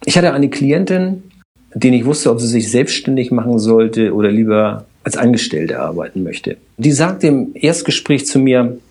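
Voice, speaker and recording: A man, a systemic coach and podcast guest, explaining his work calmly with everyday examples. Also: medium pitch, moderate pace, breathy edge. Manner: explains with everyday examples, addresses host directly. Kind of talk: calm explanatory conversation.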